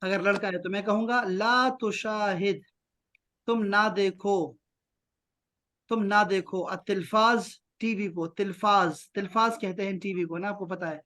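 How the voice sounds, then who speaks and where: A man from Pakistan teaching Arabic to children in an online lesson, patiently repeating short phrases slowly and praising often. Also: sits high, fairly even intonation, pushed and bright. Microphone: video call.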